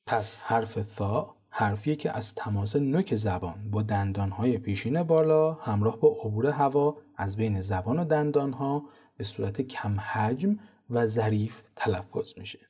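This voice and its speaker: A man teaching Quran pronunciation, explaining calmly and methodically and chanting example words slowly. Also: fairly low pitch, breathy edge. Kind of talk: instructional lesson on tajweed pronunciation.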